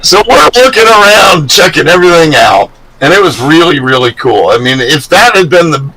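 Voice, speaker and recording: Animated man telling a story. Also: fairly high pitch, moderate pace, crowd noise, low-quality recording. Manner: animated storytelling, laughs often. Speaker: co-host. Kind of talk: casual live-stream chat.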